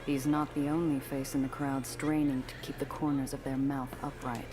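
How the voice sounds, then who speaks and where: An actor playing a cynical, world-weary noir detective who narrates his own case in a brooding, measured way for a video game. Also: medium pitch, faint music behind, lightly acted. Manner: hard-boiled, brooding, flatly measured.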